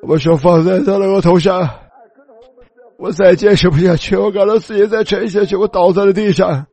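A man with a high voice delivers a sermon as a personal testimony. He speaks in an emotional, pleading manner that often turns tearful. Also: steady tone, moderate pace, creaky, darkish tone, slightly rough. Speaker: preacher.

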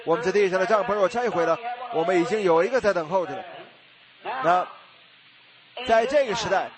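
A man's voice: sits high, fairly quick, a crowd in the background. A man preaching a sermon with fervent exclamations and rhetorical questions.

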